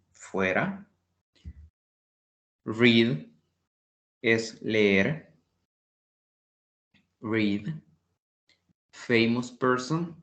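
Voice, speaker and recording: Slow, deliberate man. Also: fairly low pitch, fairly bright tone. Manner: repeats each word slowly, explains patiently, clears throat often. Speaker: English tutor. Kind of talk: online language class. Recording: echoey room.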